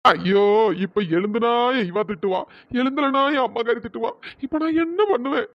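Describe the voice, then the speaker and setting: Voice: medium pitch, moderate pace, no room sound, dull audio, lightly acted. A performer voicing a timid, stammering, henpecked husband in a cartoon. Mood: fretful pleading. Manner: stammering, pleading. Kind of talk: cartoon voice acting.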